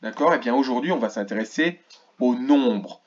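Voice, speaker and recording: A male teacher records a lesson for young children, stretching out each key word and pausing to ask the absent class questions. His voice sits in a middle range. The recording sounds dull and lo-fi. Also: mid-range voice, lively intonation. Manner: slow, clearly articulated, stretches key words. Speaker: primary school teacher. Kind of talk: remote lesson for first graders.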